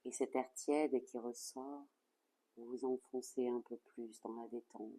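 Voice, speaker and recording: Heard on a rough recording, a yoga nidra instructor at medium pitch leads a guided relaxation. The tone is calm and soothing, the rhythm measured, and phrases close softly.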